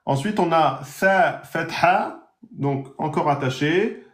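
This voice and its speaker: Male language teacher in a live lesson, slow and careful, stretches out each example word, a bit higher than usual. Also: echoey room. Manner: slow drawn-out pronunciation of example words. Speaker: Arabic teacher.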